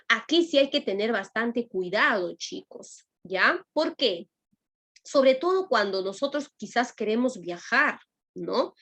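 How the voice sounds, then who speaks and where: A woman's voice: medium pitch, a bit bright. A woman teacher with a Lima Peruvian accent, giving a class lecture and often checking in with her students. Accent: Lima Peruvian Spanish. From Peru. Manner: addresses students directly, with frequent "¿no?" and "¿ya?" checks.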